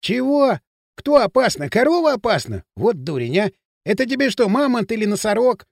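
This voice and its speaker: Brash teen lad, pushy slang, high lively voice, dry close sound; male narrator doing the voice. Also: brisk, creaky, no echo, exaggerated voice. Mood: excited. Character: cocky bossy teenage boy from town outskirts. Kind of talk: audiobook character voice.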